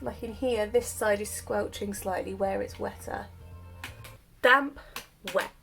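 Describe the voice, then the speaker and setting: A hair vlogger, her voice just recovered from illness, chats casually while showing how she styles her wavy hair, explaining as she goes with a self-deprecating touch. Her mid-range voice is slow, creaky, and fairly bright, with faint music behind.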